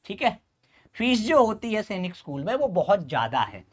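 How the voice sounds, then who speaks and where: A man teaching as a coaching instructor, explaining at length, often checking in with the listener and pausing with "uh". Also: high-pitched, very animated. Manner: keeps checking in with "okay", frequent "uh" pauses. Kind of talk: explanatory lecture to students.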